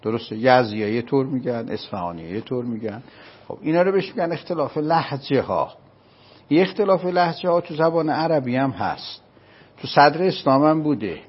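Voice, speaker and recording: A man's voice: medium pitch, lively intonation, breathy edge, muffled recording. Man with an Isfahani accent, explaining patiently. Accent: Isfahani Persian. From Isfahan, Iran. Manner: patient, explaining step by step with checking questions. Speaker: religious scholar. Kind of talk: explanatory lecture in conversation.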